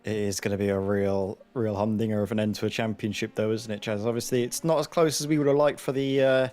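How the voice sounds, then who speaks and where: A man's voice: fairly low pitch, fairly even intonation, fast, darkish tone. A man giving conversational, explanatory analysis as a motorsport co-commentator on sim racing. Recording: clear engine noise behind the voice. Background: race car engines.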